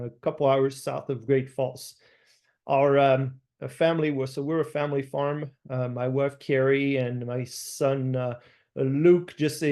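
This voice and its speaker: A middle-aged man with a French accent, a farmer giving an online slide presentation over a video call, speaking haltingly with many fillers and restarts. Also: medium pitch, darkish tone. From France. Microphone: video call webcam.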